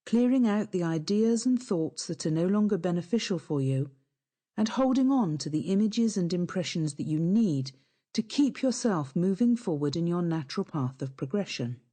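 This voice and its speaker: Mellow-voiced woman guiding hypnosis. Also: fairly low pitch. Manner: calm, soothing, instructive. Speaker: hypnotherapist narrator. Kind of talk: scripted guided hypnosis narration.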